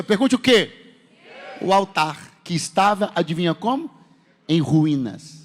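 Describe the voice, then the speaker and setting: Brazilian preacher, high voice, fervent call-and-response sermon, long church echo. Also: male voice. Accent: Brazilian Portuguese. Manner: fervent preaching with rhetorical questions to the congregation. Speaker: pastor. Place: church sanctuary. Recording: long hall reverb in a church.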